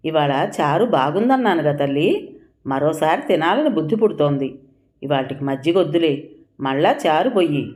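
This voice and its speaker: A woman's voice: sits low, lively intonation, normal speed, a little mellow. A woman voicing a frail, stubborn old mother-in-law who speaks firmly and commandingly. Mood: coaxing. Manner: firm, commanding, self-denying.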